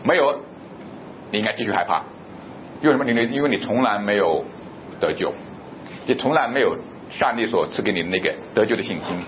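Lively preaching man, muffled. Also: fairly low pitch, background noise. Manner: preaching with rhetorical questions and answers, reading scripture slowly. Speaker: pastor. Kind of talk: sermon.

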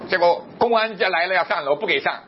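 A middle-aged man from southern China preaching a sermon, telling a personal story with animated delivery and acting out the dialogue. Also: quick pace. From Guangzhou area of southern China. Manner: emphatic, sudden jumps in pitch and loudness. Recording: muffled recording with faint low rumble.

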